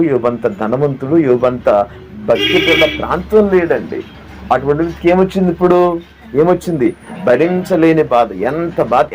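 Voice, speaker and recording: A man's voice: on the high side, a little mellow, slight background noise. A man pastor preaching a sermon who asks the listeners questions, repeats his phrases and sings hymn lines. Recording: dull lo-fi audio with faint background.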